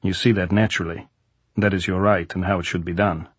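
A man's voice: sits low, little pitch movement, a little fast, breathy edge, dry recording. A man voicing a brusque, emphatic Soviet military general, exasperated with his orders, in an audiobook. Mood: stern, insistent. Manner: emphatic, stern military officer. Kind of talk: audiobook character voice.

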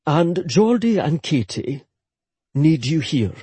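A man voicing a solemn younger brother with a Scottish accent, measured and earnest. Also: fairly high pitch, very animated, warm tone, slightly rough, no echo, exaggerated voice.

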